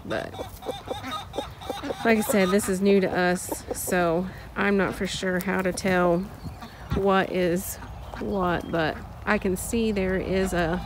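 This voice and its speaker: Slow-talking woman filming on a farm. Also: fairly low pitch, fairly even intonation. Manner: slow, unhurried, with many ums and restarts. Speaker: farm vlogger. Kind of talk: casual narration while filming. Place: outdoors in a farm poultry pen. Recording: outdoor phone audio with clear farm noise. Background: ducks quacking and chickens.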